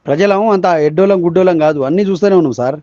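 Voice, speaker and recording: Indignant Telangana man, higher-pitched, muffled recording. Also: very fast, mellow, no echo. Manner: indignant, accusatory, firing rhetorical questions. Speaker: disgruntled citizen. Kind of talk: impassioned political rant in a voice message. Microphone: phone voice recording. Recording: muffled lo-fi phone voice message.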